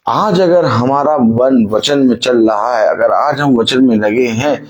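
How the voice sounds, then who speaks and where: A male preacher with a medium-pitched voice speaks slowly through a sermon, repeatedly posing rhetorical questions to his congregation and drawing call-and-response answers. The audio quality is poor.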